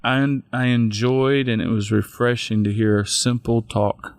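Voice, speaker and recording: A man's voice: medium pitch, fairly even intonation, a little slow, no echo, clean studio sound. A middle-aged man, a pastor telling his own story in an interview, plainspoken and folksy, often restarting his sentences. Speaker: pastor and guest. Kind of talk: personal storytelling in a podcast interview.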